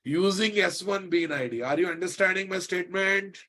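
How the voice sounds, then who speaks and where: A man's voice: sits high, brisk, bright, forceful tone. A man with a Telugu Indian accent teaching a live technical class, emphatically repeating phrases and often checking that students follow. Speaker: programming instructor.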